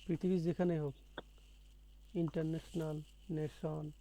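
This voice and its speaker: A man's voice: on the high side, flat delivery, a little slow, dark tone, slight background noise, low-quality recording. A man teaching a one-on-one spoken English lesson, patiently repeating words and quizzing his student.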